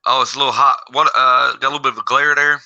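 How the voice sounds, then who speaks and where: A man's voice: mid-range voice, steady tone, very fast, creaky, pushed and bright. A man chatting casually as a livestream guest, in a folksy, informal manner. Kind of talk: casual chat. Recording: dull lo-fi call audio.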